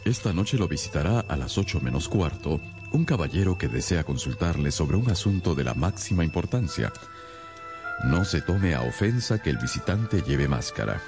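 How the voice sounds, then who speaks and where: An actor playing Doctor Watson, a courteous, loyal companion who also narrates a radio drama in a measured, earnest way. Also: male voice, a bass voice, big pitch swings, music in the background, full character voice. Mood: attentive.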